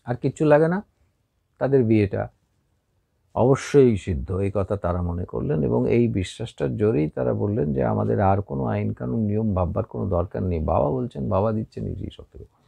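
Man, Bengali accent, religious speaker. Gravelly, mellow tone, dry close sound, unhurried and halting delivery. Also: lowish voice, dry recording. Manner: unhurried, with frequent pauses and fillers. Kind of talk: spiritual discourse.

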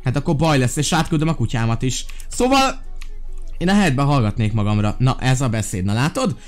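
A man hosting a Minecraft let's-play, talking in an animated, exclaiming way and giving bossy orders, with a lingering cough after being ill. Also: mid-range voice, faint music behind. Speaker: gaming video host.

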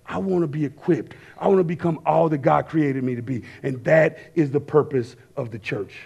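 A man in his thirties preaching a sermon on a church stage, talking casually with the crowd and rising now and then to shouts. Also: on the high side, moderate pace, creaky, husky, dull audio. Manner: conversational preaching, rising to shouts, asks the crowd to fill in words. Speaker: pastor. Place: church stage with screens and worship band behind.

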